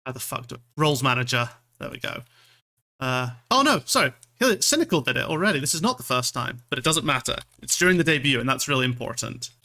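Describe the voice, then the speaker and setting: A man's voice: mid-range voice, lively intonation, fast, pushed and bright. A man from Scotland chatting casually as a livestream host, rambling and self-deprecating, with some casual swearing. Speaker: streamer, VTuber.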